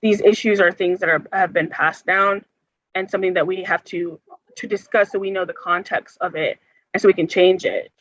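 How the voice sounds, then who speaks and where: A woman's voice: on the low side, fairly even intonation, moderate pace, no echo. A young woman from the United States, an organizer, earnestly answering forum questions with many hesitations and filler words. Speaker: health care organizer, forum guest speaker. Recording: dull, muffled sound.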